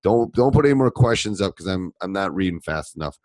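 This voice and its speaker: Speaking quickly with lively intonation, this male basketball coach hosting a podcast has a cold that pushes his voice deeper than usual, leaving it a little mellow. He rambles conversationally through listener questions in a live Q and A, full of fillers and restarts. No echo is present.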